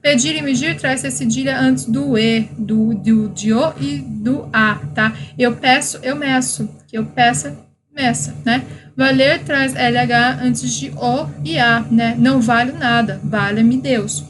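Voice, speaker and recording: A woman's voice: fairly high pitch, takes it slowly, music in the background, rough recording. A woman teacher with a Brazilian Portuguese accent, reciting verb conjugations in a grammar lesson for exam students and checking in with "tá?" and "né?". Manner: recites verb tables, adds frequent "tá?" and "né?".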